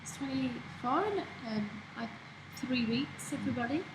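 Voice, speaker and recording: Young woman, higher pitch, offhand teasing chat, roomy echo, clear background noise. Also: expressive, normal speed. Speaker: flight attendant, partner reading questions. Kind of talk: casual chat. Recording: echoey room with noticeable background noise.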